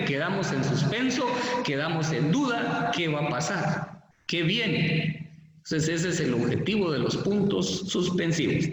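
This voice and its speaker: Echoey Guatemalan Spanish teacher, lively voice. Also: male voice, fairly high pitch. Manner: explanatory, repeats and lists examples, uses fillers like pues. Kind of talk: spoken classroom lesson. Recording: echoey room, far from mic, faint noise.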